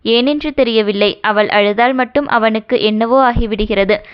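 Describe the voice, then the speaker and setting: A woman narrating an audio novel in a calm, even storytelling manner, on a dull lo-fi recording. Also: fairly high pitch, normal speed, clear, resonant tone.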